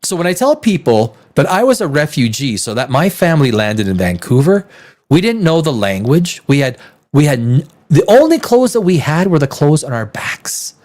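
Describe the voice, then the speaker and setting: This man's fairly high voice swings widely in pitch at a normal speed, with a slightly mellow quality. In his fifties, Canadian by way of the Czech Republic and North American in accent, he hosts a casual, unscripted livestream, swearing, speaking emphatically and repeating phrases often.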